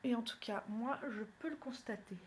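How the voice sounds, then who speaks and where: A woman's voice: on the high side, moderate pace, slight background noise. A young woman from northern France, chatty and self-mocking, talking through her makeup routine in a casual tutorial. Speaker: beauty vlogger. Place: indoors at home, by a window.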